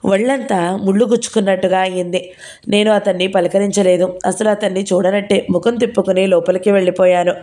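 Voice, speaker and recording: Brief: woman audiobook narrator, mellow, steady first-person storytelling. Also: medium pitch, a little fast.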